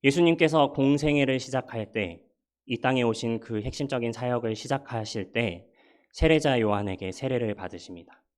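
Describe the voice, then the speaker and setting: A man's voice: medium pitch, moderate pace. A middle-aged male pastor giving a sermon in a conversational, humorous and persuasive way.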